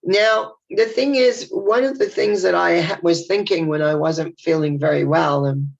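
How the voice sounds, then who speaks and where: In a casual spoken video message, an older woman with a head cold sounds stuffed-up and nasal, her lowish voice carrying a gravelly fry at a moderate pace. Warm, reflective, and chatty, she rambles with frequent restarts, all captured in dull, lo-fi sound.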